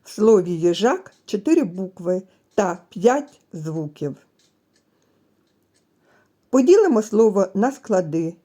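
Slow, mellow-voiced woman teacher. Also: medium pitch, sing-song. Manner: gentle, addresses children directly, stretches sounds. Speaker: preschool teacher. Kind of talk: slow, clearly articulated literacy lesson for children.

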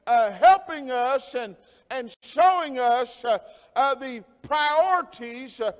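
A man preaching a sermon as pastor, slow and halting with many fillers and repetitions, rising to emphatic near-shouting. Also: very high-pitched, animated, smooth, in a large hall. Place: church sanctuary.

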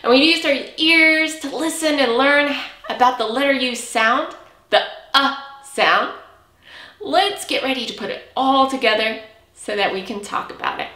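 A woman's voice: sits high, lively intonation, unhurried, pushed and bright. A woman in her thirties teaching a preschool alphabet lesson in a broad singsong manner, emphatic and drawn out for small children. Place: small indoor room, in front of a whiteboard. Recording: roomy indoor echo.

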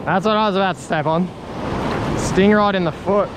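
A young Australian man chats excitedly while fishing from the shore, with a fairly high voice. He records on a head-mounted camera, so surf and wind are clearly heard behind him. He exclaims and laughs as he fishes. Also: normal speed. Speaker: fishing channel host. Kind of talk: casual fishing vlog chat. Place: outdoors on a surf beach at sunset. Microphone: head-mounted action camera. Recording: loud surf and wind noise outdoors.

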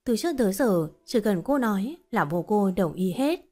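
A woman reading a short story as narrator in a steady, even storytelling voice. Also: mid-range voice, normal speed.

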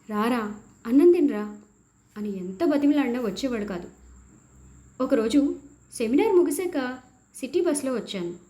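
A woman reads a first-person story aloud, letting her high voice rise and fall across a wide range. The tone stays mellow and warm as the tense passages build. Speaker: narrator. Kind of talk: storybook narration.

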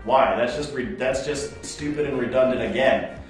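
A man's voice: medium pitch, fairly even intonation, moderate pace, heavy reverb, recorded from a distance, faint music behind. A man hosting a comedy web show, sarcastically ranting about fan mail and swearing in exasperation.

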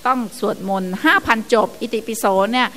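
An older woman, a nun on a radio show, gently teaching about chanting and family life. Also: on the high side, lively intonation, a little fast, slight background noise. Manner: gentle teaching, sometimes laughs and mimics chanting. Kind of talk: dharma talk on radio.

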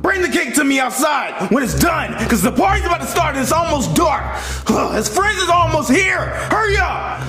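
Man doing a demanding monster king, yelling, high-pitched, echoey room. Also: big pitch swings, moderate pace, few pauses, soft background music, full character voice. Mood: impatient. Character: bossy impatient turtle king, a grown male. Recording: roomy echo.

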